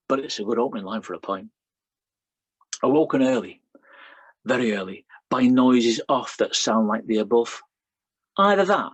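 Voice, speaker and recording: A husky, lowish male voice belongs to a middle-aged poet from Lancashire, England, with a Lancashire English accent. He reads his poems aloud, introducing them with chatty asides and fillers, and there's no echo on the recording.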